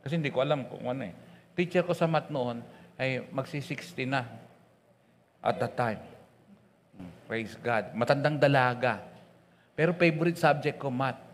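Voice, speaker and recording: A man preaching a sermon with a Pangasinan accent, mixing English into his talk, swinging between loud and soft and often calling out "Amen?" and "Praise God.". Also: mid-range voice, animated, normal speed, pauses often, big-room sound, a little hiss or hum. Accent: Pangasinan Tagalog. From Pangasinan, Philippines. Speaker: pastor. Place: church.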